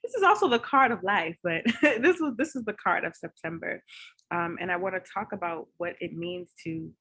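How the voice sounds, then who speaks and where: Teary, bright-voiced woman healer. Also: fairly low pitch, expressive, normal speed, slightly rough. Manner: open, heartfelt, soft-spoken. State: teary, emotional. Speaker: Reiki and ancestral healing practitioner. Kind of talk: workshop talk.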